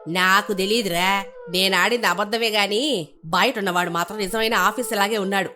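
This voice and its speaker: A woman voicing a thrifty, sharp-tongued older mother-in-law in an animated family story. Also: medium pitch, moderate pace, soft background music, close to an everyday voice. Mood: blunt.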